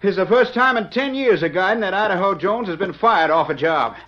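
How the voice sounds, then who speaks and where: An actor playing a hot-headed, plain-spoken frontier wagon guide with a folksy, blustering American Western drawl in a radio drama. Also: male voice, high voice, expressive, a little fast. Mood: angry. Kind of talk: old-time Western radio drama acting. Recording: dull, band-limited old radio recording.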